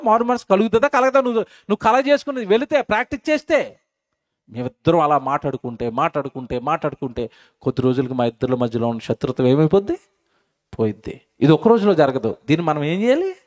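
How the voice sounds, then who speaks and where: A man preaching, his voice sitting high and swinging widely up and down. He throws questions at the congregation and answers them himself, and he repeats lines for weight. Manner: repeats phrases for emphasis. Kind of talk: sermon.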